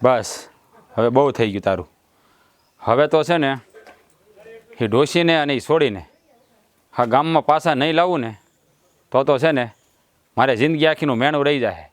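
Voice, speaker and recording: A man acts as a boastful middle-aged village husband in a family drama, swearing to fix things with blustering swagger. He uses a mid-range, everyday-sounding voice at a moderate pace with long pauses, and there's no room sound.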